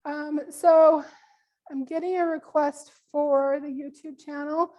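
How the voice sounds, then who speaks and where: High-pitched woman running a business webinar, casual, lots of ums, kinda losing her voice. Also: fairly even intonation, slow, highs cut off. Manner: casual, many ums, friendly instructions. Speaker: business workshop presenter. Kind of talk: live webinar workshop.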